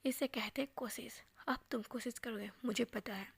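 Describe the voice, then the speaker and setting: A woman voicing a cruel, scheming rich man who mocks and threatens, in a soft half-whispered delivery. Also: fairly high pitch, steady tone, moderate pace, gravelly, slightly rough, no echo. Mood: mocking.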